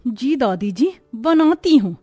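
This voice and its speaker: A woman voicing an exasperated young daughter-in-law in an animated story, complaining about her in-laws. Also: high-pitched, slow, husky, no room sound, soft background music, exaggerated voice. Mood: polite.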